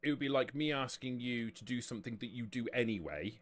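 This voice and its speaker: Serving as game master, a man with a mid-range voice narrates and explains a tabletop roleplaying game, speaking haltingly and frequently rephrasing.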